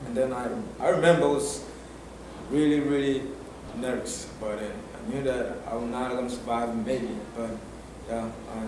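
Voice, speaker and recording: A man's voice: mid-range voice, fairly even intonation, normal speed. Young man, very echoey. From Tanzania. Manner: hesitant, many fillers and restarts. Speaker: interviewee. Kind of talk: personal story for a documentary. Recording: very echoey room, distant mic, noisy.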